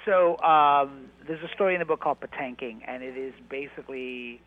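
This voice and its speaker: A man, an actor and writer, talking as a guest in a casual radio interview, halting, with many restarts and fillers. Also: medium pitch, slight background noise. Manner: halting, many restarts and fillers, animated when telling stories. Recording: tinny phone-like radio line.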